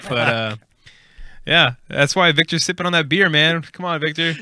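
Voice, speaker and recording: A man's voice: a little high, moderate pace, sharp tone, smooth, no room sound. A man with a Texan accent co-hosting a casual beer podcast, laid-back and chuckling, with lots of fillers. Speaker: podcast co-host. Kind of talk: casual beer-drinking chat.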